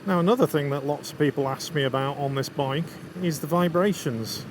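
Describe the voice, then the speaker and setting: A man's voice: fairly high pitch, fairly quick. Lancashire man chatting over road noise. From England. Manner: chatty, enthusiastic about scenery and bike. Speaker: motorcycle travel vlogger. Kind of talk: casual riding commentary to viewers. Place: outdoors, riding a motorcycle. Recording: constant road, wind and vehicle noise.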